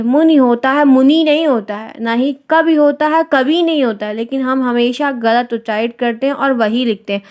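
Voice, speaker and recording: Woman, teacher, exam-prep lesson, somewhat high voice, repeats example words, asks and answers own questions. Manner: repeats each example word slowly, asks questions then answers them; mixes English words into speech.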